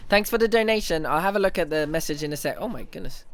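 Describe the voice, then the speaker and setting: A man streaming live, breaking down an esports match in casual, excitable commentary through a headset mic, often restarting his sentences as he talks. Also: fairly high pitch, fast talker, creaky. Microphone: headset mic on a livestream.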